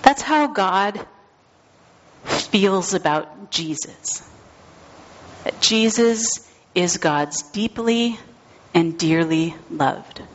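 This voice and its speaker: A woman pastor giving a gentle, deliberate sermon, speaking to the congregation by name. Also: medium pitch, animated, lo-fi sound.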